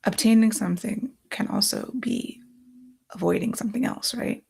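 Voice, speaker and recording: Woman author, casual think-aloud vlog, voice going hoarse, raspy with fry. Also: mid-range voice, wildly swooping pitch, normal speed, a little mellow. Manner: thinking aloud, reading quotes from cards. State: losing her voice. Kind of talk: casual talk-through of writing process.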